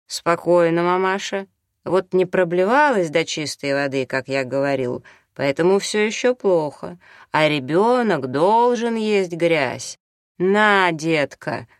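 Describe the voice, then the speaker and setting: A man's voice: fairly high pitch, lively intonation, slow, no room sound, studio quality. A man reading an audiobook, voicing a brash, hard-drinking doctor who jokes and orders people about. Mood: bossy. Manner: jokey, bossy, offhand.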